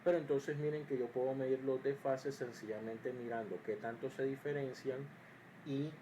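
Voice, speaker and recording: An engineering teacher with a medium-pitched, dark-toned voice explains electrical circuits at normal speed and with fairly even intonation in a screen-recorded lesson. The highs are cut off and there's slight background noise. He works step by step, full of fillers and restarts, occasionally muttering while checking his work.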